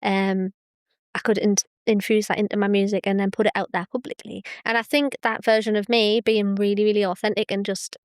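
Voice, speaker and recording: A woman's voice: medium pitch, flat delivery, a little fast, clean tone, no room sound, clean studio sound. A woman guest on a podcast, talking earnestly and enthusiastically about her music and beliefs in casual chat. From England. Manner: earnest, enthusiastic, laughs often.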